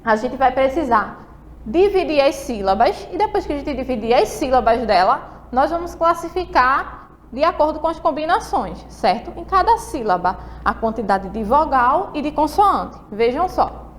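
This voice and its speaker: High-voiced Brazilian teacher, slow and patient. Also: female voice, sing-song, a little hiss or hum. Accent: Brazilian Portuguese. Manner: slow, spelled-out letter-by-letter explanations with frequent check-ins. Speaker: primary school teacher. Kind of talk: televised lesson for children.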